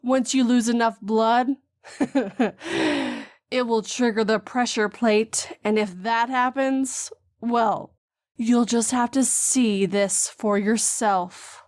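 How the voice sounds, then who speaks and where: A woman's voice: a little high, no echo, studio quality. Woman playing a cold, mocking avenger. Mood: coldly menacing. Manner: slow, calm and mocking. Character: vengeful grieving mother, cold and menacing. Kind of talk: horror story voice acting.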